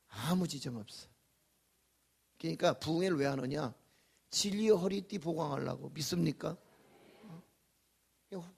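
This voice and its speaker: Older male pastor, slightly high gravelly voice, folksy joking revival preaching. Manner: folksy, joking, shifts from loud to whispered. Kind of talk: revival sermon.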